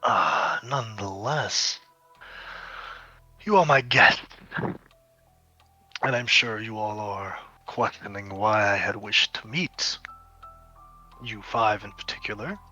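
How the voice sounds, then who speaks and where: A man voicing a stately, courtly fire king who speaks graciously with a quiet menace. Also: lowish voice, slow, pauses often, husky, no room sound, voice pushed down, heavily acted. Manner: formal, gracious, quietly threatening. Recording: dull lo-fi audio with faint music.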